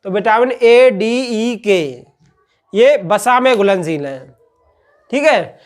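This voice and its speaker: A man's voice: high voice, expressive, takes it slowly. Male lecturer, patient and repetitive, asks questions then answers them. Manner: repeats "ठीक है" after each point. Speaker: teacher. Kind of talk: classroom-style lecture.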